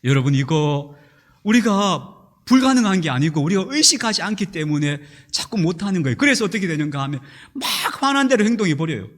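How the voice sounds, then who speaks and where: A man's voice: sits high, sing-song, a little fast. A middle-aged male pastor preaching a sermon in a church, telling stories and acting out angry outbursts.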